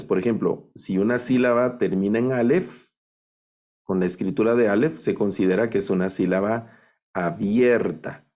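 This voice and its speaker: A man teaching an online class, patiently repeating each word slowly for his students. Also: lowish voice, a little mellow. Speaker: Biblical Hebrew teacher.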